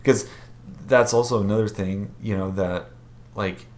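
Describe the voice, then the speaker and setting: A man with a fairly low voice talks in an easygoing, reflective way over a video call. His audio is choppy and keeps cutting out, as a call connection does when it breaks up. He sounds like a regular co-host chatting with friends. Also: steady tone, unhurried, darkish tone. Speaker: podcast co-host. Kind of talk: casual group chat.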